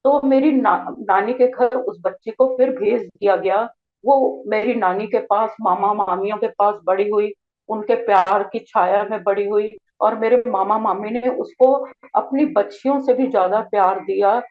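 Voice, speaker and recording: A woman's voice: mid-range voice, fairly even intonation, unhurried. An older woman from Jammu telling a family story in an earnest, explanatory way, stopping to clarify her words. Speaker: storyteller sharing a family experience. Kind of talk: spoken personal storytelling. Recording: slightly dull lo-fi recording.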